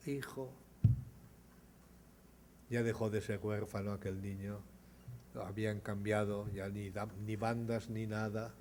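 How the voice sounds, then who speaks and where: An older man tells stories from a podium, recounting them in a measured voice. When the characters speak, he raises his voice and his volume to act out their lines. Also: on the low side, a little hiss or hum. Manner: dramatizes dialogue with rising, louder voice. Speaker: speaker at an award ceremony. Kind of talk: storytelling speech.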